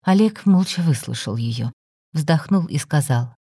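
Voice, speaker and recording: A woman narrating a written story in an even, measured way. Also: low voice, husky, dry recording, clean studio sound.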